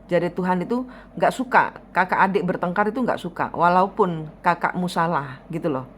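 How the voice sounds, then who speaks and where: A woman's voice: fairly low pitch, moderate pace, a little hiss or hum. A woman giving a tarot reading, advising bluntly and emphatically, slipping into phrases. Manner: blunt, emphatic advice with repeated "gitu loh", drops into Javanese phrases. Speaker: tarot reader.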